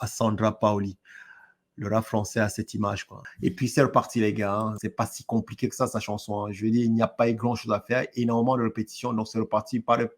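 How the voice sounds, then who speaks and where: A man giving a scornful, sarcastic spoken review of rap lyrics, with frequent hesitations and pointed asides. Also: lowish voice. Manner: scornful, sarcastic, leans on "n'est-ce pas" and hesitant fillers.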